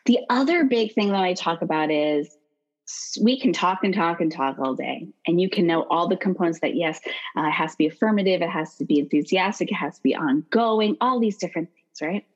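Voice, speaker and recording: A woman's voice: fairly low pitch, brisk, lo-fi sound. A woman as a podcast guest, explaining things animatedly and acting out quoted voices. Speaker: podcast guest, consent educator. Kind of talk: podcast interview.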